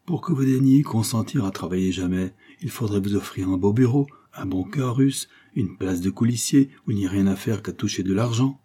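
A man's voice: lowish voice, a little fast, few pauses, mellow, breathy edge. A man voicing an indignant lawyer who scolds a beggar sharply. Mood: scolding. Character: indignant male lawyer, stern, moralizing.

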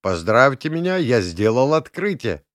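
A man's voice: medium pitch, sing-song, a bit bright, no room sound, studio quality, pitched above the performer's own voice. Oleg: a man doing a jaunty young man. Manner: brisk and jaunty. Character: brisk young man, proud of discovery. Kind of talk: audiobook character voice.

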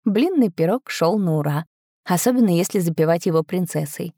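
A woman narrating a first-person audiobook, telling the story expressively and lifting her pitch on lively moments. Her voice is mellow and sits a little low. It is recorded on a close mic with a dry sound. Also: brisk, no echo.

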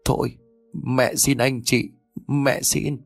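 A man's voice: medium pitch, unhurried, vocal fry, no room sound, soft background music. A man narrating a story and voicing a frail, starving old mother over 70 who pleads in a trembling voice.

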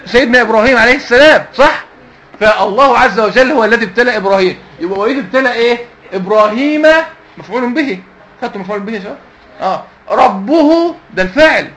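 A man's voice: very high voice, rapid-fire, pushed and bright. A man with an Egyptian Arabic accent teaching Quran recitation to a class of young students, constantly asking them questions and waiting for their answers. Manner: quizzes the class with repeated questions, call and response.

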